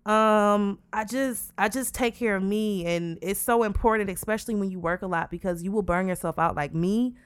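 A woman in her late twenties co-hosts a podcast, chatting casually and bluntly and swearing often. She speaks in a mid-range voice at a moderate pace with few pauses, the tone clean and the recording dry.

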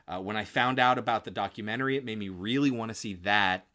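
Bright-voiced man, casual podcast host. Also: fairly low pitch, fast. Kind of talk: casual film review chat.

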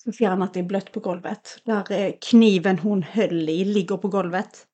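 A young woman co-hosting a podcast, retelling a scary film in a lively, casual way and acting out the lines of the people in it. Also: medium pitch. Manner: animated retelling, acts out quotes. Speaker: podcast co-host. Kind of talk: casual storytelling chat.

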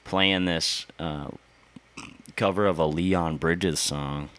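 A man's voice: low-pitched, steady tone, slow pace, fairly bright tone, dry recording. A man from Iowa, a guest in a studio chat, telling stories in a laid-back, slangy way with frequent laughs. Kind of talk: casual chat.

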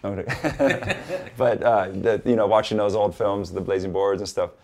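A man from Hawaii, a guest in a casual interview, talking in a relaxed, rambling way with lots of "like" and "you know.". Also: fairly low pitch, normal speed.

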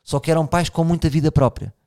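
A man's voice: a little high, fast, darkish tone. A man in his thirties with a European Portuguese accent, hosting a podcast and musing aloud in a casual monologue, often restarting and speaking straight to his listeners. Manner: musing, frequent restarts, addresses listeners directly. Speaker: podcast host.

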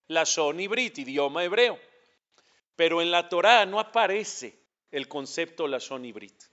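A man's voice: a little high, fairly bright tone. A man teaching a religious lesson as a rabbi, asking questions and answering them himself. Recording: dull lo-fi recording.

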